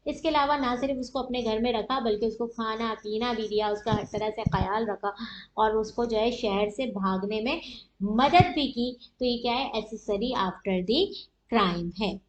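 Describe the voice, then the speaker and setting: A Pakistani woman with a high voice gives an unhurried law lecture, explaining concepts through everyday examples. She teaches in a didactic way, asking questions and answering them herself. The audio is dull and muffled, with an echoey room and slight background noise.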